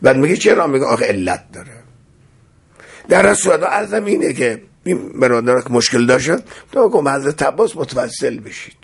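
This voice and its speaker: A man preaching a sermon, retelling a miracle story in a dramatic way, with sudden high emotional outbursts. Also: very animated, creaky, breathy edge.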